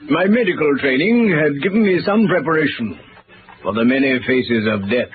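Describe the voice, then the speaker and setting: A man playing a genteel British doctor who narrates his detective friend's adventures in a measured, literary radio-drama style. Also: a little high, expressive, slight background noise, natural voice. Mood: measured, reflective. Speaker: narrator and supporting actor. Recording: tinny vintage radio recording, music behind.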